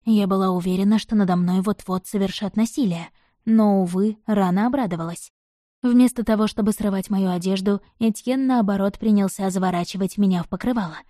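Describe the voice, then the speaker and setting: A woman narrating a romance novel in the first person, with an expressive, dramatic reading. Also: mid-range voice, fairly quick, dry recording, clean studio sound. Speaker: audiobook narrator.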